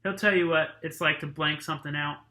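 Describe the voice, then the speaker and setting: A man reading aloud, voicing a crabby, gruff old man who barks out his brush-offs. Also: fairly high pitch, steady tone, brisk, pushed and bright. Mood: grumpy. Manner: barking, grumpy.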